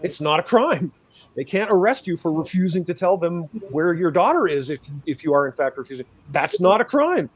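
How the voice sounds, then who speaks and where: A man's voice: sits high, very animated, brisk, husky. A man, a guest on a podcast, speaking in an emphatic, impassioned and profane manner. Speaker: podcast guest, rights activist. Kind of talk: casual chat.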